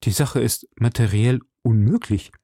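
A timid, frightened middle-aged shopkeeper, as a male reader voices him, hesitant and pleading. The voice is gravelly and sits at an ordinary male pitch, heard close in a dry recording. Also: unhurried, warm tone, no room sound. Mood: anxious.

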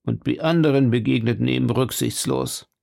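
A man voicing an old male witness who speaks slowly and haltingly in a raised, gravelly voice. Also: mid-range voice, darkish tone. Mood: hesitant. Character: frail old man, slow-spoken witness.

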